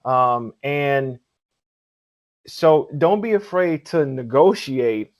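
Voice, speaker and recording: Speaking very slowly in a mid-range voice, this man, who hosts and judges cosplay contests, relaxes into an interview chat. He acts out quoted conversations and earnestly gives advice, repeating things for emphasis.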